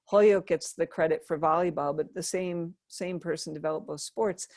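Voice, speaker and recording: Low-voiced woman telling stories, dry sound. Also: fairly even intonation, moderate pace, a little mellow, no echo. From Western Massachusetts, USA. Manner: chatty, laughing, with restarts. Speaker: interview guest. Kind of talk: casual storytelling.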